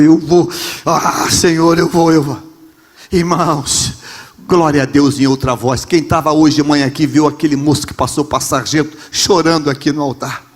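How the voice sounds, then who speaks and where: A pastor in a large church preaches a Pentecostal sermon with a Rio de Janeiro Brazilian Portuguese accent, impassioned, frequently shouting and repeating phrases. His medium-pitched voice is slightly rough, followed by a long reverb tail.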